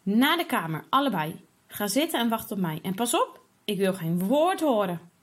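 A woman as a calm, patient mother. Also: mid-range voice, normal speed, husky. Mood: stern. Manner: gentle, explaining, firm.

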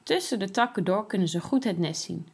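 A woman reading a children's story aloud in an expressive storytelling manner. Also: mid-range voice, a little fast, creaky, husky. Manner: expressive, sing-song storytelling.

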